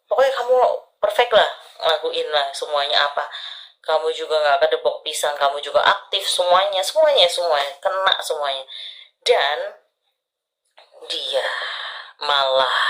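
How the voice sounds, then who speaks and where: A woman's voice: sits low, low-quality recording. A woman doing palm readings for a caller on a live stream, talking intimately and often dropping to a whisper. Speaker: palm reader.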